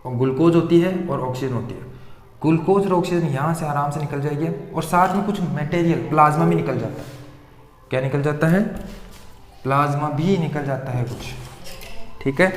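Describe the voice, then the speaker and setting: A man teaching science, putting questions to his students and answering them himself, going over the key terms again and again. His voice sits a little high for a man. The room is bare and echoey, with a long reverb trailing after each phrase. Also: normal speed. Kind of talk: blackboard science lesson.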